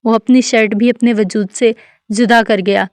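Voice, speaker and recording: Smooth-voiced woman reading a novel. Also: fairly high pitch, fairly even intonation, darkish tone, no room sound. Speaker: novel reader. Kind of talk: scripted narration of a romance novel.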